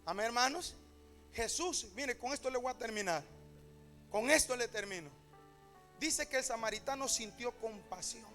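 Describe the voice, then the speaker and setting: Male pastor, sermon, very high voice, sharp bright edge, shouts and sing-song peaks. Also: lively intonation, moderate pace, soft background music. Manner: shouting and half-singing at climaxes, retelling a story with quoted voices. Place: church.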